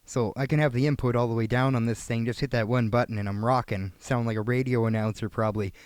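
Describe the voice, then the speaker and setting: A relaxed man from Canada talks viewers through a microphone test in a casual, thinking-aloud way. He speaks close into a studio dynamic mic, and the sound is dry with almost no room on it. His pitch sits in a middle range for a man. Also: quick pace, dry recording. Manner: chatty, laid-back, thinks aloud with fillers. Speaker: video creator testing microphones. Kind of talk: casual gear review talking to viewers. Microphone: switching between studio dynamic microphones.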